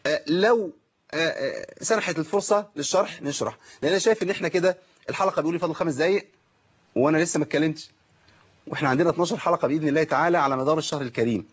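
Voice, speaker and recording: An Egyptian man teaches a recitation class over an online call, his voice slightly high and his speech quick. He poses questions to the class and answers them himself. The call audio sounds dull and muffled. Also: slightly rough. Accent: Egyptian Arabic. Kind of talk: online lesson.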